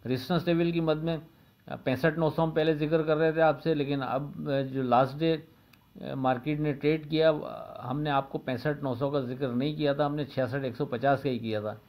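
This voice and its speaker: A man from Pakistan with a Pakistani Urdu accent giving a daily stock market forecast, steady and methodical, often pausing with fillers. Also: on the high side, lo-fi sound. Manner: steady, methodical, repeats figures and levels, frequent "uh" fillers.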